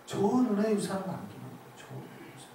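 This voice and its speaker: A male pastor preaches with a high, sweeping voice that rises and falls. He poses rhetorical questions to his congregation. His voice reaches the mic from a distance and rings through a very echoey church hall, with a faint room hum beneath. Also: big pitch swings, rapid-fire, warm tone. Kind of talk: sermon.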